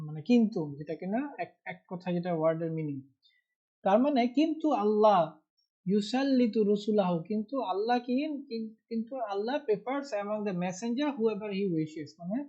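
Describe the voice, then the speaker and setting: A man's voice: sits high, dark tone. A man teaching Arabic grammar in a live online class, explaining patiently and stressing key words. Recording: muffled online class audio.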